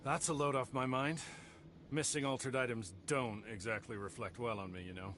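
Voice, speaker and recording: A man's voice: mid-range voice, steady tone, moderate pace, fairly bright tone, a little hiss or hum, close to an everyday voice. An actor playing a weary middle-aged male bureaucrat with a dry, resigned manner in video game dialogue.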